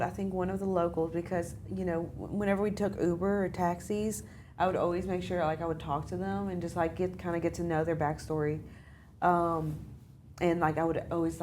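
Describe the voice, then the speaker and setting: Chatty young woman, lower voice. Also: a little mellow, slight background noise. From United States. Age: young adult. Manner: chatty, heavy use of filler phrases. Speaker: study abroad student guest. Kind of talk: casual interview chat.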